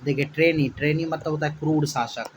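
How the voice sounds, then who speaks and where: A man teaching a spelling lesson for exam students, spelling words out letter by letter and repeating each syllable slowly. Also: on the high side, steady tone, a little hiss or hum, low-quality recording.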